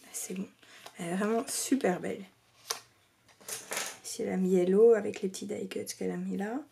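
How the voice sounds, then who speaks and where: A woman's voice: medium pitch, steady tone, a little fast, creaky. A woman vlogger chatting casually while showing scrapbooking mail, hesitant with many fillers and sometimes dropping to a near-whisper. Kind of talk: casual craft show-and-tell. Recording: faint background noise and clicks.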